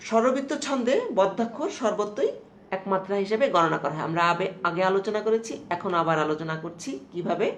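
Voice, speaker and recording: A woman teacher giving a slow, explanatory lecture, repeating terms and asking checking questions. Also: mid-range voice. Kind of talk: lecture on Bengali prosody. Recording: echoey room with faint noise.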